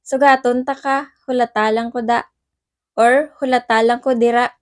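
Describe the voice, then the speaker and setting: A woman hosting a casual language lesson vlog, laughing often and repeating words slowly. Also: fairly high pitch, steady tone, no room sound, studio quality. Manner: cheerful, laughs often, slow repetition of words. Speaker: vlogger teaching Ilonggo phrases.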